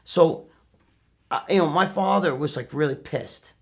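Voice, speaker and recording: A middle-aged New Yorker with a New York accent tells personal stories casually, brash and profane, acting out what people said in animated retellings. His voice sits on the high side and he takes his time.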